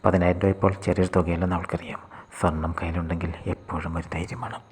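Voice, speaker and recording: A man narrating a scripted short story in a soft, half-whispered delivery. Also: low voice, little pitch movement, quick pace, slightly rough.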